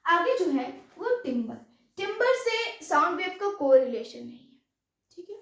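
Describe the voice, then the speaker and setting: Her voice extremely high and a bit bright, a woman teaches a science class at normal speed, very animated, explaining step by step in Hindi sprinkled with English terms. She keeps checking "any doubt" throughout the lecture, heard from far off in an echoey room.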